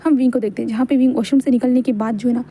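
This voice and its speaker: A woman's voice: fairly high pitch, steady tone, very fast, warm tone, slightly rough, faint music behind. A woman telling a fan-fiction story in a casual, conversational way, full of fillers and repeated words, and voicing every character herself. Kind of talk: storytelling narration, voicing all the characters in dialogue.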